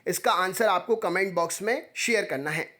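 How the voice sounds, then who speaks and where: A man with a high, light voice reads exam quiz questions one after another, each time in the same brisk pattern. He sounds like a coaching teacher recording a voice-over close to the mic. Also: pushed and bright. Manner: brisk, repetitive quiz phrasing.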